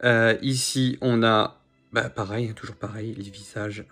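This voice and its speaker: A man's voice: on the low side, fairly even intonation, a little slow, fairly bright tone, soft background music. A man casually showing his figure collection to camera, chatty and rambling, full of fillers and repeats. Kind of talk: casual unboxing chat to camera.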